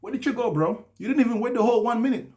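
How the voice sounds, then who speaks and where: A man hosting a live call-in talk show, brash and animated, laughing often as he riffs on callers. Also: extremely high pitch, very fast, muffled recording. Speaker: host. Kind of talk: casual live call-in chat.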